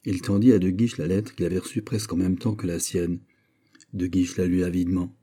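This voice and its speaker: A male narrator reads a classic novel aloud in a measured, dramatic way. His voice is low and dark, with a husky edge. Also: fairly even intonation. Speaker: audiobook reader.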